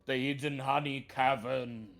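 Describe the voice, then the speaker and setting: A man's voice: mid-range voice, steady tone, a little slow, a bit bright, voice pushed up. An ancient talking tree, played by a male game master speaks with grave formality. The grumbling treant takes its time over every pronouncement, solemn and weighty, as in a fantasy tabletop game. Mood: solemn warning.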